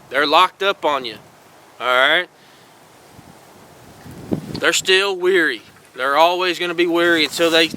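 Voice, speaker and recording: High, bright-voiced man teaching. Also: a little hiss or hum, low-quality recording. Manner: folksy and encouraging, repeats "all right" and "guys". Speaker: host teaching duck calling. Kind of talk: casual outdoor instruction.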